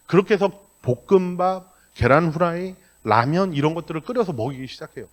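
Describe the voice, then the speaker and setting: A middle-aged man preaches a sermon in a church, slipping into blunt, everyday speech. His voice sits fairly high. It swings lively as he acts out the conversations in his stories. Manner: animated storytelling with acted-out dialogue; colloquial and blunt. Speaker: pastor. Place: church sanctuary.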